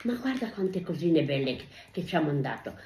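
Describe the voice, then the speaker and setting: Older woman, grandmother, effusive, repeats thanks, lively, echoey home recording. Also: deep voice, moderate pace. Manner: sing-song exclamations. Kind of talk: casual home video. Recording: echoey room with faint noise.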